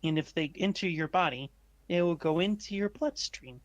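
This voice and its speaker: A man's voice: a little high, moderate pace, dry recording, lo-fi sound, natural voice. A man voicing a kindly, saddened old talking tree in a tabletop game. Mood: earnest. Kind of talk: tabletop role-play.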